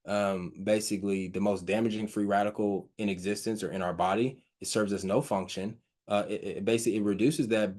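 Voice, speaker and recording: A man giving an informal slide talk, reading research quotes aloud and explaining them haltingly, with frequent fillers, restarts and a stutter he mentions himself. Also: fairly low pitch, a little mellow. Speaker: presenter on hydrogen health research.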